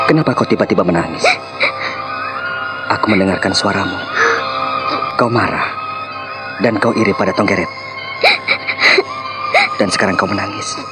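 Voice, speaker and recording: Actor as a gentle heroic lover in a radio play, lowish and soothing, loud score behind. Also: male voice, natural voice, poor audio. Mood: concerned. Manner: tender, coaxing. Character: young man, gentle devoted lover, hero. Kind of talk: radio drama acting.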